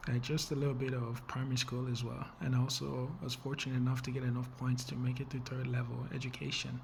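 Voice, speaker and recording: A young man from the Congo pitches his nonprofit in an earnest, measured way. His mid-pitched voice stays fairly level, with little rise and fall. A faint hiss of noise sits under the recording. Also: little pitch movement, gravelly. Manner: earnest, measured, with fillers and small restarts. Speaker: nonprofit founder. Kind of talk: funding pitch video.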